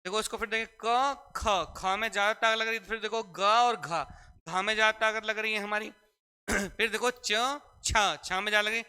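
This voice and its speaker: A man's voice: high-pitched, level tone, brisk, bright, forceful tone, clean tone. A man teaching a classroom grammar lesson, repeatedly asking questions and answering them himself. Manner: repetitive call-and-response questioning. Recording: echoey hall reverb.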